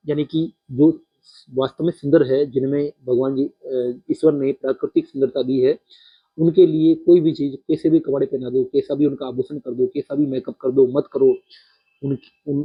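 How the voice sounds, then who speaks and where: A man teaching a poetry-meter lesson, counting syllables aloud slowly and speaking directly to his students. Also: mid-range voice, steady tone, slightly rough, phone-quality sound.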